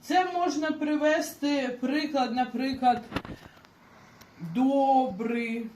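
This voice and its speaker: A woman teaching a beginner language lesson, explaining slowly and patiently with examples. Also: high voice, big pitch swings, echoey room, a little hiss or hum.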